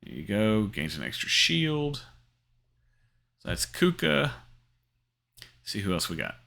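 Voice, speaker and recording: A middle-aged man hosts a crypto gaming channel, rambling casually over a screen share with plenty of ums, fillers and restarts. He speaks slowly in a fairly low, creaky voice that is pushed and bright, with big swings in pitch.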